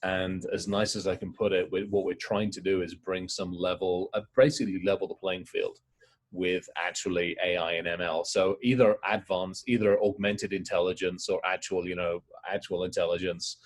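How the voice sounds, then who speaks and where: A middle-aged man, a guest in a casual interview, talking in quick, rambling stories. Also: low-pitched, fairly even intonation. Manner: fast, rambling storytelling.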